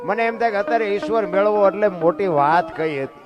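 Folksy high-voiced man telling devotional tales. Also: lo-fi sound, over music. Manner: fervent, folksy, swings into drawn-out sung phrases. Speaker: dayro storyteller and bhajan singer. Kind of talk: devotional storytelling with sung bhajan lines.

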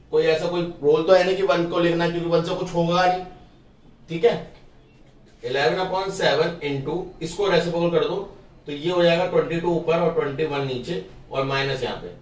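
Math teacher in a roomy room. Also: male voice, on the high side, recorded from a distance. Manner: talks through each step of the working, asks pupils if it is clear. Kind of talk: casual classroom explanation. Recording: roomy, from off the mic.

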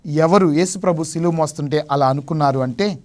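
High-voiced man preaching emphatically. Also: fairly quick. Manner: emphatic preaching, rising sharply on key phrases. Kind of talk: Lenten sermon. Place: television studio.

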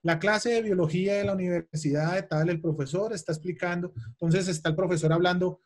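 A man's voice: high voice, steady tone, a little fast. A man teaching an English exam webinar, emphatic and repeating key points, asking his audience questions. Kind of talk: webinar lesson.

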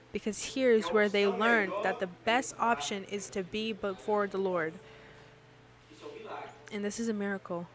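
Woman interpreting a sermon live, mid-pitched, congregation clearly heard behind her. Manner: preaching cadence with rhetorical questions to the congregation.

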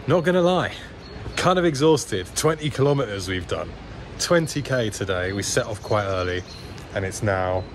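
A casual male vlogger in his thirties, with a lowish voice, talks over loud wind and road noise. Covering travel and cars, he narrates outdoors by lakes and from his car with chatty enthusiasm, lots of fillers and restarts, while holding the camera at arm's length.

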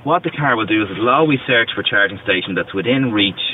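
A low-voiced man in his thirties walks through a car's controls one step at a time, patient and methodical. He sits a little away from the mic inside a parked car. The sound is thin and phone-like, with a faint hiss underneath. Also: expressive, fairly quick. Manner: patient, step-by-step explaining with restarts. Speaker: car company representative. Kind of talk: explaining car features, demonstration. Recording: distant, tinny, lo-fi with faint noise.

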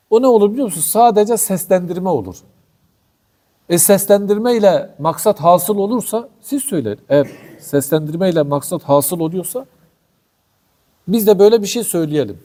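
A man's voice: sits high, dark tone. A man giving a passionate religious commentary talk as a teacher, scolding and full of rhetorical questions. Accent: Turkish.

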